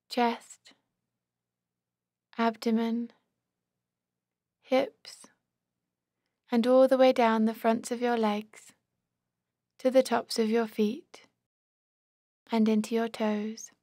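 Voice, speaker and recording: A woman with a slightly high, very even voice gives short instructions for a body scan meditation, calm and measured throughout. The recording is close and very dry.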